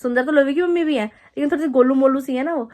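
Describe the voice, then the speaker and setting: A young woman vlogger casually telling a story to the camera, chatty and animated, acting out the quotes as she goes. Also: high voice, fast. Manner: chatty, animated retelling with acted-out quotes and laughter. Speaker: family vlogger.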